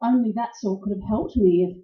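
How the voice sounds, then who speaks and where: Woman as a femme fatale, breathy pleading melodrama, 1940s radio play, roomy dull recording. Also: medium pitch, brisk, lightly acted. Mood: fearful, evasive.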